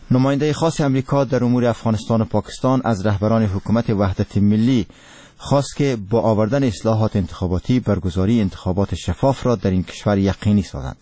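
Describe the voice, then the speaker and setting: Solemn, formal Afghan newsreader, mellow low voice. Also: male voice, no echo. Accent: Afghan Dari. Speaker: radio news presenter. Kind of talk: scripted radio news reading.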